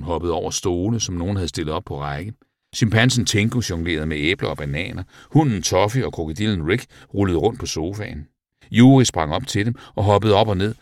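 A man narrating a children's audiobook in a calm, even storytelling manner. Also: low-pitched, no echo, studio quality. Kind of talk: scripted narration.

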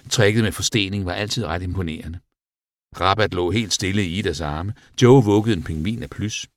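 Deep voiced guy reading a kids story, calm, dry close mic. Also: no echo. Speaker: audiobook narrator. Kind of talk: scripted narration.

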